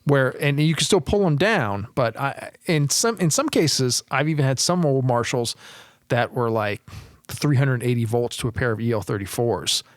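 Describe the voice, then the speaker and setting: A man's voice: medium pitch, lively intonation, normal speed, no room sound, clean studio sound. A man who repairs guitar amplifiers, chatting as a podcast guest, explaining technical details with lots of fillers and restarts. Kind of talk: casual technical chat.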